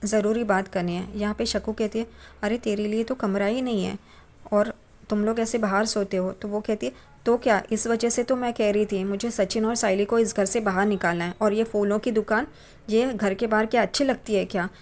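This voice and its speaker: A woman's voice: mid-range voice, fairly even intonation, normal speed, darkish tone. A woman casually retelling a TV serial episode, briefly voicing each character's lines. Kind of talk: casual storytelling recap.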